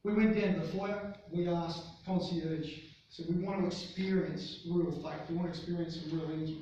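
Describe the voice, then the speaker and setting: An Australian man giving a conference keynote, telling a story in an animated way and often restarting his sentences. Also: fairly high pitch, moderate pace, slight background noise. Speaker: conference speaker. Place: large conference hall. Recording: distant, very echoey, dull hall sound.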